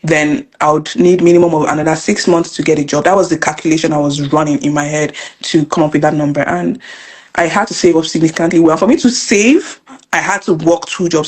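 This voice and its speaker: Speaking with a Nigerian accent, a young woman from Nigeria appears as a guest in a casual interview, where she works as a financial educator and business coach. Her low voice has a breathy edge, and her storytelling is fast, earnest and animated, with repeated phrases.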